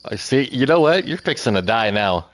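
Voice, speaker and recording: A man's voice: mid-range voice, big pitch swings, normal speed, a little hiss or hum. A young man on a live stream, chatting casually with friends, boastful and joking, often tripping over his words.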